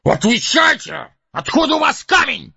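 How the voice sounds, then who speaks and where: A man's voice: expressive, a little fast, muffled recording, exaggerated voice. A man reading an audiobook voices an enraged, proud older dwarf king in a strained, ranting voice, over faint music. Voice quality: shrill, gravelly and strained when shouting. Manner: ranting, accusing.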